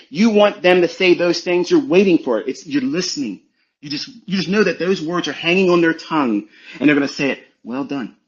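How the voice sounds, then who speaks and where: A man's voice: fairly high pitch, lo-fi sound. A man coaching traders in a blunt, preachy, profane motivational talk on a live audio space. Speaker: trading coach.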